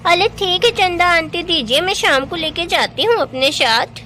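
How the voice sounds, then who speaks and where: A woman's voice: extremely high pitch, expressive, normal speed, pushed and bright, slight background noise, exaggerated voice. A woman voicing a cheeky young village girl who complains playfully.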